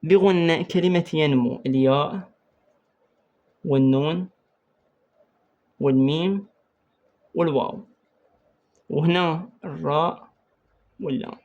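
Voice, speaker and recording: A man with an Iraqi Arabic accent teaching an exam-prep lesson on Quran recitation rules. He quizzes the student and repeats key points slowly while writing on a board. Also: a little high, a little mellow, lo-fi sound. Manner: writes on a board while explaining.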